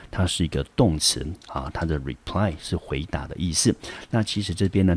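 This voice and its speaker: Male English teacher, very low pitch, Taiwanese Mandarin accent, patient explainer reading lines out slowly. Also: darkish tone. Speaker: high school English teacher. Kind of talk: classroom lecture explaining a textbook.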